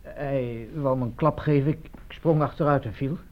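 An actor playing a defiant, stubborn young injured prisoner in a radio drama. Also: male voice, mid-range voice, moderate pace, natural voice. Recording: dull lo-fi radio play recording.

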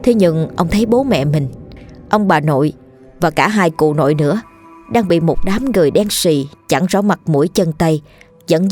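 A woman narrating a ghost story in a steady storytelling manner, voicing the characters. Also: lowish voice.

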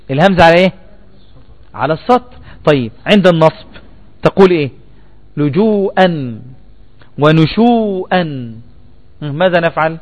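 A man with an Egyptian Arabic accent teaching a spelling lesson, asking the class questions and repeating their answers. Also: on the high side.

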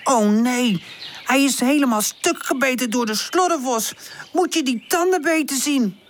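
A woman voicing an eager, impulsive male puppy in a children's audiobook, breathless and excitable. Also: high voice, measured pace, a little hiss or hum, voice pushed up. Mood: excited.

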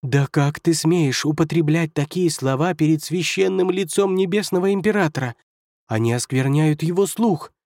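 A man voicing a shrill, pompous male first advisor at a celestial court who shrieks and sputters with outrage. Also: normal speed, darkish tone, dry recording, clean studio sound, close to an everyday voice. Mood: shrieking. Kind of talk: audiobook character voice.

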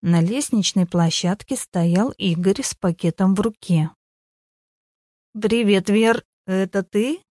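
Mellow-voiced woman narrating an audiobook. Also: medium pitch, no echo, clean studio sound. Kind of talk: scripted narration.

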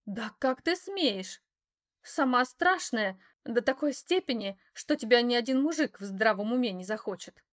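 A woman voicing a brash, hysterical young kept mistress in an audiobook, loud and scornful. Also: a little high, expressive, normal speed, pitched above the performer's own voice, lightly acted. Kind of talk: audiobook character voice.

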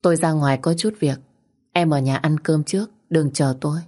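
A woman reading the lines of a quiet, restrained young man who speaks curtly. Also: low-pitched, moderate pace. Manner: curt and restrained.

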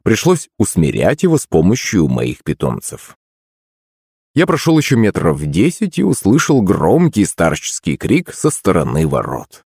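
A man's voice: low-pitched, huge pitch swings, unhurried, darkish tone, husky, no echo, clean studio sound. A man narrating a first-person audiobook. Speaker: audiobook reader.

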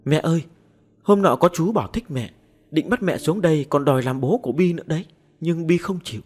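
A man performs a sulky ghost girl for an audio story, her high, childish voice stubbornly pleading through tears. Husky and a little mellow, the delivery is a little fast with lively intonation that swings wildly up and down.

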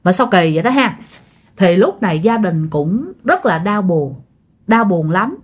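A woman's voice: medium pitch, big pitch swings, unhurried, husky. A woman with a Southern Vietnamese accent telling a ghost story casually, talking straight to her listeners with plenty of fillers. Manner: chatty, addresses listeners, many fillers.

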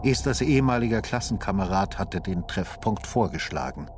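In a radio drama, an actor plays a brooding retired homicide detective who insistently questions others and narrates, his delivery probing, measured and matter-of-fact. His fairly low voice is expressive yet close to everyday speech, with music playing behind it.

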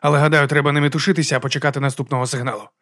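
A man's voice: a little high, level tone, very fast, a bit bright, natural voice. A man voicing a composed detective who speaks with polite restraint in an audiobook. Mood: restrained.

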